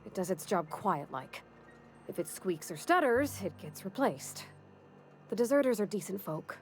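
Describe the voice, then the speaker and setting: A woman's voice: mid-range voice, expressive, moderate pace, a little hiss or hum, natural voice. A woman voicing a plain-spoken, working-class townswoman in video game dialogue, with a homespun drawl and country grammar. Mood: folksy, wistful.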